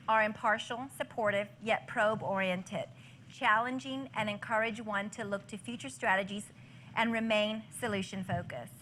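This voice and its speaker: Upbeat woman moderator with a bright, higher voice. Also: slight background noise. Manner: warm, upbeat praise of guests. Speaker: panel moderator. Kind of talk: reading introductions, then moderating.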